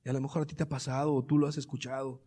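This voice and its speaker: A man preaching a sermon, moving between quiet, hushed teaching and loud, impassioned passages full of repeated rhetorical questions. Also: mid-range voice, little pitch movement, racing, big-room sound. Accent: Colombian Spanish.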